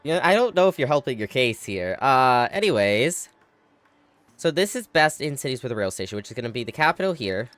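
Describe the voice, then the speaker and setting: Faint music plays behind the dry recording as the tired, yawning streamer comments on his strategy game, chatting with viewers, reasoning aloud and exclaiming frequently. He speaks a little fast, in a medium-pitched, fairly bright voice with big pitch swings.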